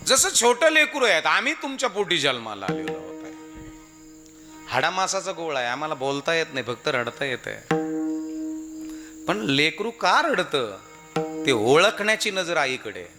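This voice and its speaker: Animated Marathi kirtan preacher man. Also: on the high side, moderate pace, long pauses, over music. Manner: animated, calls out questions to the audience. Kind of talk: devotional kirtan sermon with sung verses.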